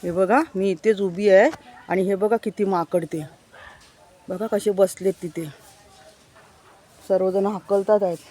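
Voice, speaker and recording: A woman guides viewers around her village home in a casual walking-tour vlog. She talks chattily and keeps pointing out one thing after another. Her voice sits at an ordinary middle pitch, recorded outdoors in the yard. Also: steady tone, measured pace, pauses often, mellow. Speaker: village vlogger.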